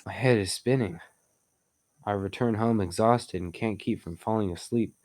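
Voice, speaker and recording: A man with a fairly low, darkish voice near his everyday tone narrates a gothic audio drama at a moderate pace. As the haunted, desperate protagonist, he tells the tale in the first person, grave and suspenseful.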